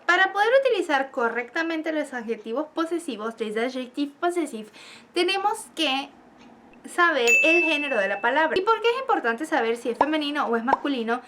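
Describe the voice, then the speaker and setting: High-voiced woman teaching a language lesson. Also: very animated, noisy background. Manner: slows down to spell out and repeat each example. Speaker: French teacher. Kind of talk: video lesson explaining grammar.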